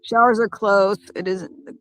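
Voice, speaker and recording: A woman chatting casually on a phone livestream by a lake, talking in halting, rambling bursts with many restarts. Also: medium pitch, steady tone, a bit bright. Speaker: van-life vlogger. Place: parked by a lake.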